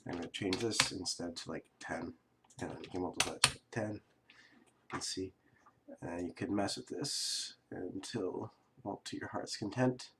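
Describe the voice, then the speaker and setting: A man who is sick and coughing, casually talking through a software tutorial at his computer, rambling and correcting himself with fillers. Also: low voice, normal speed, very noisy. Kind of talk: casual screen-recorded tutorial.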